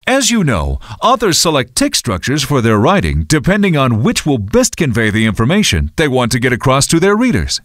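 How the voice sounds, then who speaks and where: A man's voice: medium pitch, huge pitch swings, brisk, hardly any pauses. A man narrating a scripted educational show in an explanatory, upbeat way.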